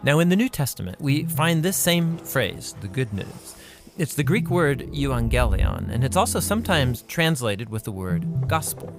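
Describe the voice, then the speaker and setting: A man co-hosts an educational Bible video series as an explainer, delivering scripted yet conversational explanations with emphatic phrasing. His voice is mid-range and sing-song at normal speed, over a clear music bed in the background.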